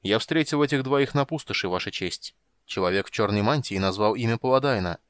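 A man's voice: fairly low pitch, a little fast, smooth, no room sound, natural voice. A man voicing a solemn, honorable young knight who speaks in a formal, accusing way.

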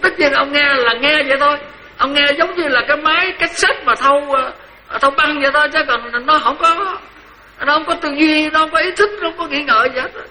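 Older man, Southern Vietnamese accent, monk, dharma talk, high-pitched, piercing tone. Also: a little fast, slight background noise, poor audio. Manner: lively, joking, repeats phrases for emphasis. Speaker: senior Buddhist monk.

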